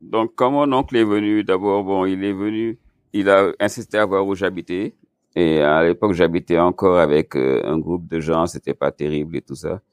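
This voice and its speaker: A middle-aged man from Senegal with a very low voice tells his life story to an interviewer. He talks in a relaxed, easygoing way, laughing often. The sound is dry and close. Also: moderate pace, clean tone, no echo. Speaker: chef, podcast guest.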